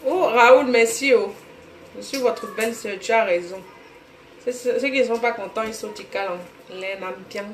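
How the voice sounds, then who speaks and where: A woman's voice: fairly high pitch, moderate pace. A woman with a Cameroonian French accent hosting a live cooking stream, chatting casually and greeting viewers by name from her home kitchen. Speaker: cooking livestream host. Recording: roomy echo, faint room noise.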